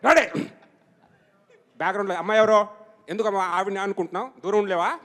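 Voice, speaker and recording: A man's voice: high-pitched, rapid-fire, a bit bright, big-room sound. A man putting on an impatient male film director who barks orders and scolds the crew on set. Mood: bossy shouting.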